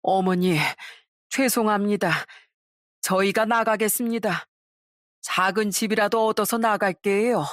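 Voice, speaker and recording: A woman voicing a stern middle-aged father-in-law who speaks calmly and firmly. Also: medium pitch, unhurried, dry recording, clean studio sound, lightly acted.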